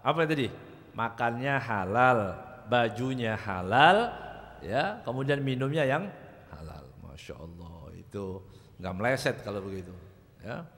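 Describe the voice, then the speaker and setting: A man teaching a Ramadan religious study lesson in a mosque, chatty and lively, joking and chanting Arabic passages. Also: on the low side, big-room sound.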